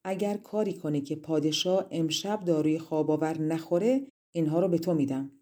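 A woman voicing a gentle, sorrowful young queen in a fairy-tale audiobook, speaking softly and pleading. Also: low voice. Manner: soft, pleading.

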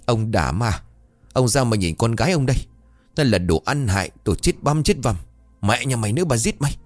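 A man voicing a shrill, abusive middle-aged mother who screams curses at her daughter in rapid tirades. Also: lively intonation, no echo, faint music behind, lightly acted. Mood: screeching, abusive. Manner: cursing, screeching, rapid tirades.

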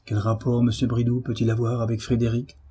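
A man voicing a gentle, patient young wife who speaks softly and pleadingly, in his own reading voice. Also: medium pitch, monotone, a little fast, slightly rough. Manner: soft, pleading.

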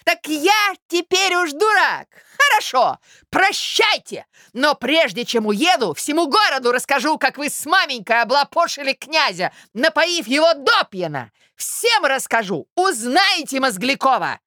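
A woman reading aloud and voicing an outraged young man who shouts in fury. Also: medium pitch, sing-song, slow pace, no echo, studio quality, voice pushed up. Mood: furious. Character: furious young man, blustering and indignant.

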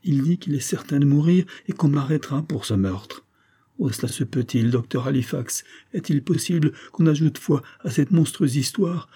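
A man's voice: on the high side, expressive, moderate pace, warm tone, husky, voice pushed up. A man reading the lines of a distraught young wife in an audiobook, pleading, his voice raised a little.

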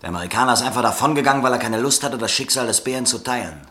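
In a radio play, a male first-person narrator plays a hunted American swindler who is tense and fearful. His medium-pitched voice races, bright, forceful and husky, with a defensive mood. He is curt and defensive in dialogue and brooding in the narration.

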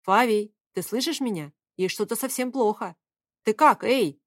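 A woman reading the part of a stern, commanding father in an audiobook, giving his lines a loud, insistent push in a dry, close sound. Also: high voice, normal speed, no echo, voice pushed up, close to an everyday voice.

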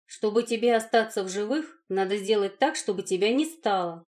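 A calm, calculating grown man voiced by a woman reading an audiobook speaks in a level, matter-of-fact way, a touch louder than the narration. His pitch sits in an ordinary middle range. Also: moderate pace, natural voice. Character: calm, calculating adult male lover. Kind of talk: audiobook character voicing.

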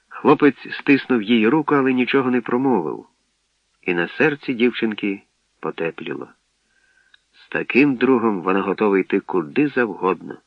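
A man narrating an audiobook in a calm, measured storytelling manner, on a dull lo-fi radio recording. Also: on the low side, no echo.

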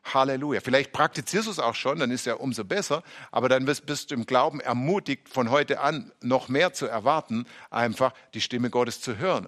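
A male pastor leading a charismatic sermon with prayer in a church, swinging between loud exclamations and soft, murmured prayer. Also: mid-range voice. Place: church hall, also streamed live.

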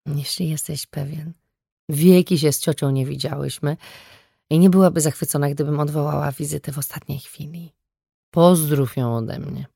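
A woman's voice: sits low, fairly even intonation, moderate pace, creaky, mellow, breathy edge, dry recording, exaggerated voice. A woman voicing a cold, elegant young wife who speaks with clipped contempt and never raises her voice, read in a dry audiobook recording. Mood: curt. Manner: clipped, icy contempt without raising voice. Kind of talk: audiobook character reading.

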